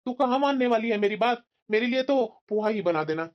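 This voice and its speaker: A woman's voice: a little high, expressive, brisk, lightly acted. A woman voicing a stern older father-in-law in a cartoon, who lectures and disapproves. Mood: resigned. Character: stern, grumbling older father-in-law, protective of his wife. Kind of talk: cartoon voice acting. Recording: slightly dull lo-fi audio.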